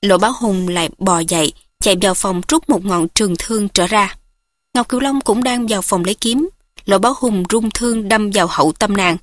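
A woman narrating a martial arts novel in a steady, measured reading. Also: mid-range voice, no room sound.

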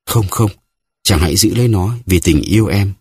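A man voicing a scheming, seductive noblewoman who speaks softly and tenderly in an audiobook. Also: deep voice, moderate pace, slightly rough, dry recording. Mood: pleading. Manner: soft, cooing, pleading.

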